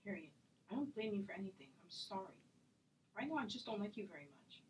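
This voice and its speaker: A woman's voice: medium pitch, lively intonation, a little hiss or hum, natural voice, low-quality recording. A woman acting a self-taped drama scene as a hurt, indignant friend, intense and accusatory in her delivery. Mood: wounded. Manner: accusatory, intense, rapid-fire.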